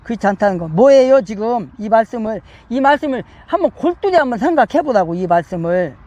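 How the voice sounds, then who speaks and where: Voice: mid-range voice, lively intonation, brisk, a little mellow, lo-fi sound. A Korean Bible study teacher lecturing emphatically, repeating phrases and asking the listeners many rhetorical questions.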